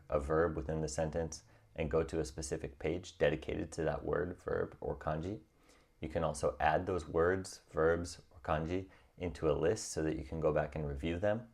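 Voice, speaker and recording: A young man calmly and encouragingly narrating a scripted tutorial on learning a language. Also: extremely low pitch. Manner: calm, encouraging and reassuring.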